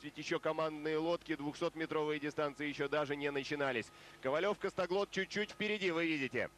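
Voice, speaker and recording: A man calls a canoe race for television in a fairly high voice. He walks through the field with measured, explanatory commentary and grows more urgent toward the finish. A faint hiss sits under the old broadcast sound. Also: fairly bright tone. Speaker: sports commentator.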